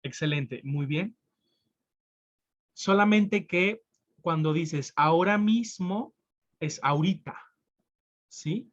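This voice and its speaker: Slow, patient male sign language teacher. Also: high voice, dull audio. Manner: slow, patient, checks understanding with frequent "¿sí?". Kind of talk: online class explanation.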